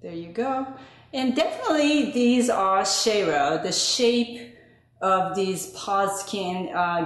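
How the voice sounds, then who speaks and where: A woman speaks slowly and casually, trailing into ums as she walks through her plants. Her voice carries a strong, roomy echo, as if filmed in a large hard-walled space. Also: on the low side. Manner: relaxed, hesitant, lots of ums. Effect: strong echo, as in a big hall. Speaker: gardening vlogger. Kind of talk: casual show-and-tell. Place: indoor spot chosen for space to film tall plants. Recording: echoey room recording.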